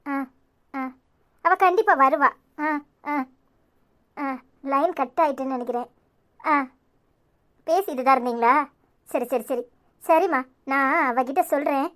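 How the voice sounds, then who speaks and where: Here is a woman voicing a caring young friend in a cartoon with a Tirunelveli accent. The voice is high but calm. She soothes and reassures in a steady, gentle way. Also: measured pace, pauses often. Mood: polite. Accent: Tirunelveli Tamil.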